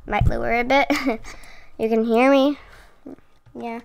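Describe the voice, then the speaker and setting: Casual gaming host, female, chatty and self-amused; slightly high with a gravelly edge, close desk mic. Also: fairly even intonation, takes it slowly. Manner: chatty, rambling, laughs at herself. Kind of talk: casual let's-play commentary. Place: room at home with her cat. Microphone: own desk microphone.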